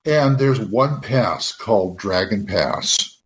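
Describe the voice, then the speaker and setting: A man's voice: fairly low pitch, expressive, slow pace. A man of about sixty hosting a casual gaming podcast. He rambles and often restarts his sentences. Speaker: podcast host. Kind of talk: casual chat.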